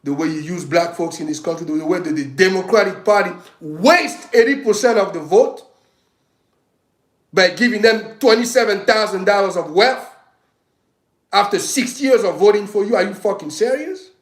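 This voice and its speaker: Man, high-pitched voice, heated and emphatic, livestream monologue, echoey room. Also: normal speed. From Africa. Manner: heated, emphatic, repetitive restarts. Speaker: self-styled state governor giving political commentary.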